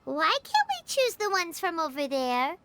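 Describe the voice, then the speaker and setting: A woman voicing a tiny, excitable fairy companion who talks about herself in the third person, in a video game. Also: very high voice, unhurried, very noisy, exaggerated voice. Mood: eager.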